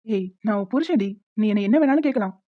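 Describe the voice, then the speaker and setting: A woman voicing a gentle young husband in a cartoon, soothing and reassuring his wife. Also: fairly high pitch, expressive, fast talker, lo-fi sound. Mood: comforting.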